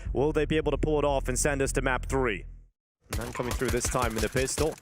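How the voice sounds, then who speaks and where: A male esports caster with a mid-pitched voice commentates on a match. He tells the action in flowing sentences, with game gunfire and clicks clearly behind him. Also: fast, background noise.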